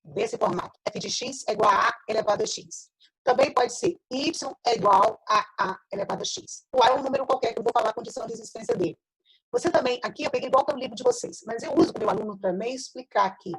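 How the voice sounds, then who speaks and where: A Brazilian woman teaches math online in a fairly high, expressive, breathy voice, talking fast with a Brazilian Portuguese accent. She explains step by step and checks in with tag questions, while the low-quality video-call audio turns choppy, robotic and glitchy.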